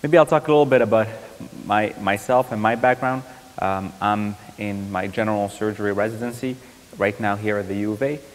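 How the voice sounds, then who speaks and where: A young Iraqi man, a surgical resident, gives a guest lecture at a university in a voice on the low side. He speaks thoughtfully and in a measured way, often pausing with ums and restarting sentences. The lecture hall adds reverb.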